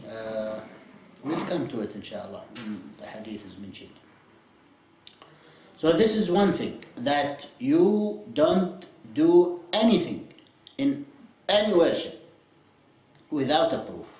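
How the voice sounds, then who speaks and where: A man's voice: on the high side, takes it slowly, long pauses. Man teaching a lesson in an echoey room. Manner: explains in English with Arabic phrases, asks "you see?", "okay?"; lively, chuckles at his own examples. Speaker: Islamic studies teacher. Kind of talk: classroom lecture.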